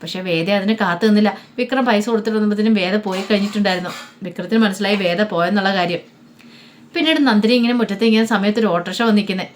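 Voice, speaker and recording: A woman retelling a TV serial episode in a brisk, conversational storytelling manner. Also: medium pitch, slight background noise.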